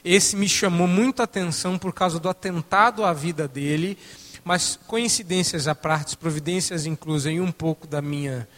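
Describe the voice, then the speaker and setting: Emphatic preacher in a reverberant hall. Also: male voice, on the high side, moderate pace. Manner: emphatic, animated, swings between loud and soft. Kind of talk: sermon.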